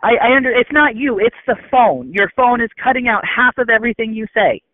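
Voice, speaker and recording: High-voiced guy on a bad phone connection, tinny line, polite and apologetic taking orders. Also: lively intonation, a little fast, dry recording. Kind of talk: customer service phone call.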